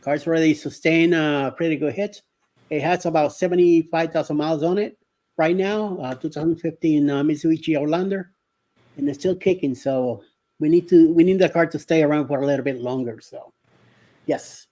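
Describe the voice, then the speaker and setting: A man's voice: a little high, moderate pace, dark tone. A middle-aged man from Miami hosting a casual live stream, rambling with lots of hesitations and greeting viewers by name. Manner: rambling, hesitant with many fillers.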